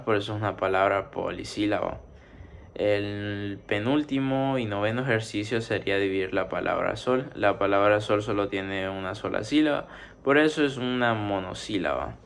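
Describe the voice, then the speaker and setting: A man with a low, gravelly voice gives a methodical spoken grammar lesson. He works through numbered exercises and slows down to stretch out each syllable. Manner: steady explaining, drawn-out syllables. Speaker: teacher.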